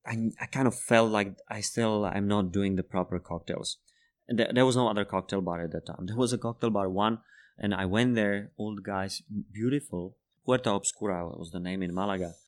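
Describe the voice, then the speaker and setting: A Czech bartender in his thirties, a guest in a casual interview, tells animated stories in English, his second language, laughing as he goes through anecdotes. His voice is fairly low.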